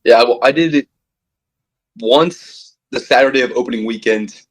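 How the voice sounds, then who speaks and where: A young man, co-host of a casual fan podcast, talking excitedly with many restarts, recorded on a phone with low-quality stream audio. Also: moderate pace, breathy edge. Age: young adult.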